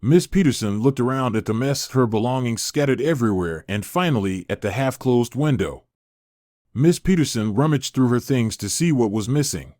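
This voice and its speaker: A man reading a story aloud as scripted narration, in an even, measured way. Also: mid-range voice, no echo, clean studio sound.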